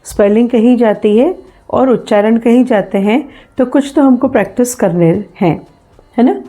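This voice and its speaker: A woman leads a revision lesson on English phonetics in Hindi, speaking patiently with an Indian English accent. She slowly repeats words and keeps checking in with "है ना." Her voice is fairly high and mellow.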